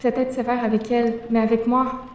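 Pious teenage boarder played by a woman, high voice, stammering, echoey distant sound. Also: little pitch movement, brisk, slight background noise, natural voice. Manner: pleading, self-righteous, stammering. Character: pious prim teenage boarding-school girl. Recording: roomy, distant mic.

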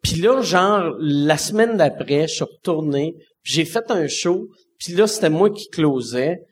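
Animated Québécois man telling stories. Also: a little slow, faint music behind. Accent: Québécois French. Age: 40s. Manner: animated, swears casually, drops low for punchlines. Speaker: stand-up comedian. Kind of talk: casual anecdote telling.

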